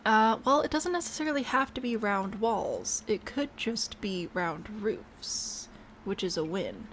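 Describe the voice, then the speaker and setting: A game streamer chats to herself casually while building in a video game, bubbly and apt to trail off partway through a thought. Her mid-range voice is very animated and fairly bright, unhurried in pace, with slight background noise.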